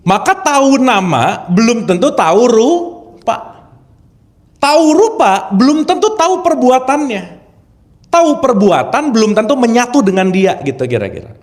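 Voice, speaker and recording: A man leads an informal spiritual lecture a high, bouncing voice. He keeps it chatty, quizzes his listeners and laughs easily, a light touch. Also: very animated, unhurried. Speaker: spiritual teacher. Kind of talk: informal religious lecture to an audience.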